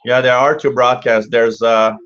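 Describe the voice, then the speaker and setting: A man hosting a casual live stream as a radio hobbyist, explaining things haltingly and answering viewers. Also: medium pitch, fairly even intonation, a bit bright, smooth. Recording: slightly dull, lo-fi stream audio.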